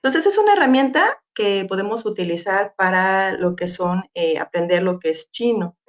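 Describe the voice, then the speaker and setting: A woman's voice: mid-range voice, lively intonation, moderate pace, highs cut off. A woman with a Mexican Spanish accent presenting slides at an academic forum, hesitant, with many fillers and restarts, over a video call.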